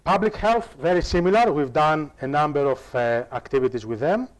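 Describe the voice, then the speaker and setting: With a slightly high voice at a moderate pace, a man gives a live staff workshop on online course design. He frequently restarts and repeats words while explaining, and he asks his audience questions directly to keep them involved.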